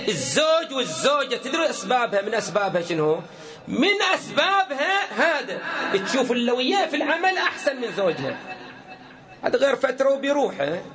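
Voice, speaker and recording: A man preaching a lively sermon to a congregation. He jokes, speaks to his listeners directly and acts out the exchanges he quotes. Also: very high-pitched.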